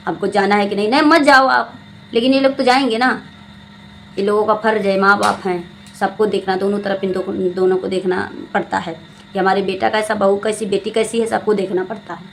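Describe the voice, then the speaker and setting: Woman vlogger, pitched a little high, lectures and scolds in a repetitive, preachy way. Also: a little hiss or hum, rough recording. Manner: scolding, preachy, repeats phrases, addresses viewers as friends. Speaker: vlogger commenting on a family channel. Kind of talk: casual spoken commentary to viewers.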